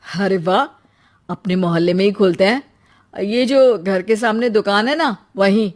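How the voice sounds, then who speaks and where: A man's voice: sits high, unhurried. A man voicing a frustrated, hot-tempered young husband in a cartoon story. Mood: plain. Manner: blunt, irritable.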